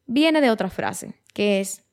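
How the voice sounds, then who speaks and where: A woman's voice: medium pitch, animated, slow. Woman, 23, host, casual reflective monologue, chatty, restarts phrases, mixes in English words. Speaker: podcast host.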